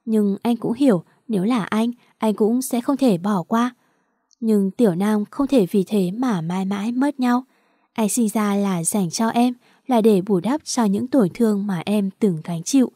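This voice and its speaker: A woman tells a romance story in a soft, emotive way. Her voice is mellow and warm, and it is recorded dry and close with no room sound. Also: medium pitch, a little slow, no echo.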